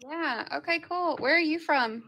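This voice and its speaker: Here a young woman chats on a video call, easygoing and amused. Her voice sits very high and sounds bright and sharp. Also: normal speed, rough recording. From Tennessee, USA. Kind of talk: casual video chat.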